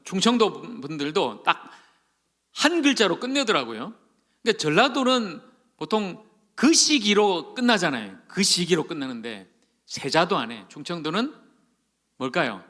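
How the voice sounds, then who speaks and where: A man preaches to his congregation in a high, bright voice. His pitch swings widely, and he keeps turning to the listeners with folksy questions. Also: big-room sound. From Gyeongsang Province, Korea. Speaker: pastor. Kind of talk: sermon. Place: church sanctuary.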